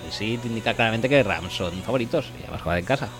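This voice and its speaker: A man from co-hosting a casual sports podcast, bantering and protesting quickly, with half-mumbled asides. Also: fairly low pitch, lively intonation, fairly bright tone, faint music behind. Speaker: podcast co-host.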